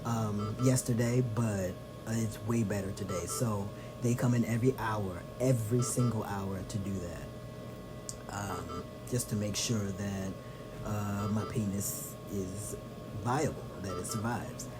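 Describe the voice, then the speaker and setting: A man talking casually in a personal video diary, in a subdued, tired way that trails off softly. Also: fairly low pitch, fairly even intonation, measured pace, low-quality recording. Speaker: vlogger. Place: lying on back in a hospital bed. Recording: music behind the voice.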